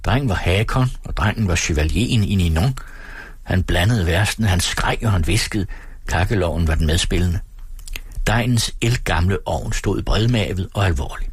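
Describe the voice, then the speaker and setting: A man from Denmark reading a novel aloud on his radio show, calm and measured. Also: low-pitched, slightly rough, no room sound.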